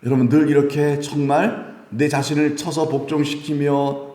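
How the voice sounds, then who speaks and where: A man's voice: a little high, flat delivery, normal speed, dark tone. A man preaching a sermon as pastor in a church, asking the congregation questions and acting out God's words. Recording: echoey church hall.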